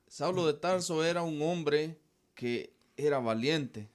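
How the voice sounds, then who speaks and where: A man's voice: fairly high pitch, takes it slowly. Radio Bible host, male, emphatic preaching delivery, repeats key phrases.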